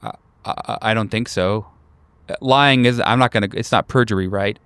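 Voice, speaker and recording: A fairly quick man's voice on the low side, fairly bright, clear and resonant in a dry recording, portrays a painfully awkward young recluse in his twenties for a tabletop horror game. Anxious and defensive, the character stammers, repeats himself and keeps apologizing.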